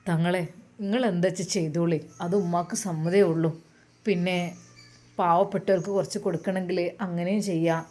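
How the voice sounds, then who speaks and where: A woman voicing a tender, devout elderly mother with a Malappuram accent, speaking slowly and fondly. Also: fairly low pitch, steady tone, darkish tone, pitched below the performer's own voice, lightly acted. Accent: Malappuram Malayalam.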